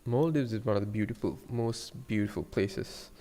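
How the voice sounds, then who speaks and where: A young Sri Lankan 3D designer models on a live stream, chatting casually, rambling, and joking with viewers in the chat. His voice is lowish and mellow at a normal speed, sounding as if in a large hall.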